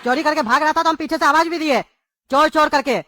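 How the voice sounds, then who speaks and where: A woman's voice: high voice, fairly bright tone, no room sound, clean studio sound. A woman, playing an irritable father in a comedy sketch. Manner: fast, irritable.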